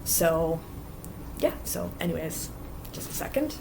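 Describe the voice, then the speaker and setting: A woman with a deep, gravelly, sing-song voice vlogs unhurriedly about cross-stitch from her home basement craft area. Her talk is chatty and rambling, packed with fillers, and she sounds a bit stuffy from allergies amid background noise.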